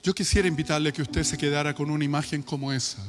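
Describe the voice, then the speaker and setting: A man's voice: fairly high pitch, steady tone, fast. A man with a Chilean accent preaching a sermon, telling a family story and then pleading with passion. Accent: Chilean Spanish. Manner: storytelling, rising to impassioned pleading. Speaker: pastor. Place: church. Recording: reverberant church hall with music.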